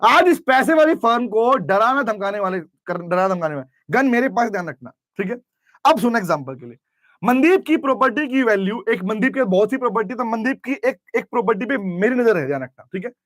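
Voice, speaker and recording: Man, commerce teacher, very high pitch, dry close sound, lively classroom lecture. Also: a little fast, dry recording. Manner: lively, questioning students, mixes English terms into speech. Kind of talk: classroom lecture with role-play. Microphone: camera recording in class.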